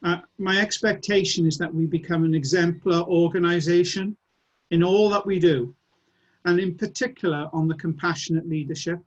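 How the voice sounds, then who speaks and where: Chairing an online annual meeting, a man wraps up with earnest, encouraging closing remarks meant to rally people, his voice slightly raised. It sits high with a steady tone at a moderate pace, and the audio is dull.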